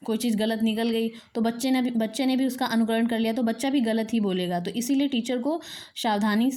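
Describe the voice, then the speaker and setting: Woman teacher reading notes then re-explaining, kinda high voice. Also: brisk, mellow. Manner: repeats each point, explaining in plain talk. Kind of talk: exam-prep lecture reading and explaining notes.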